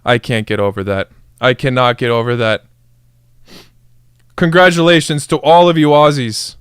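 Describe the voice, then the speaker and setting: A man's voice: mid-range voice, fairly even intonation, normal speed, clean tone, no echo, clean studio sound. A young man streaming a live football reaction, hyped up, cheering and talking to his chat. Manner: hyped, chants and cheers, addresses chat as guys. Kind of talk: excited live match reaction.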